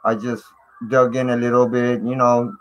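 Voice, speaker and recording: A man's voice: mid-range voice, flat delivery, normal speed. A man hosting a casual live stream, greeting viewers in slangy, repetitive talk through fuzzy, distorted audio. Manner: slangy, repeats "man" and "you know".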